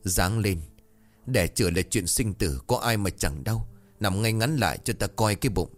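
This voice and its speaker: A man voicing a stern, scolding old village midwife woman with a shrill voice, in a told horror story. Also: moderate pace, soft background music, close to an everyday voice.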